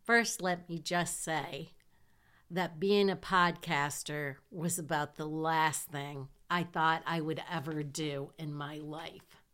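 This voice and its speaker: This casual personal monologue comes from a podcast host, a middle-aged southern Michigan woman with a low-pitched, nasal voice that's steady and a bit bright. Her talk is slow, chatty and self-deprecating, punctuated by small laughs.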